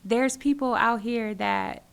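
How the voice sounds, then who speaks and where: A woman in her forties, a community organizer, speaks as a guest in a casual interview. Her voice is fairly high and she takes her time, telling her story earnestly and emphatically and often repeating phrases for weight.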